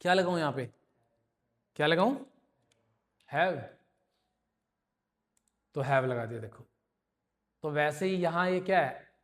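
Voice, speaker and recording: A man's voice: on the high side, takes it slowly, long pauses, fairly bright tone. A man teaching an English grammar lesson to a class, explaining patiently and often checking that students follow. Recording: long reverb in a hall.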